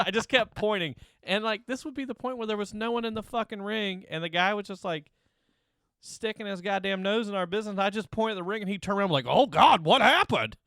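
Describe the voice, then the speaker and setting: A man co-hosting a casual podcast, telling stories in an animated, profane way and imitating other people's voices. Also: high-pitched, fairly quick, smooth, dry recording, clean studio sound. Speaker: podcast co-host.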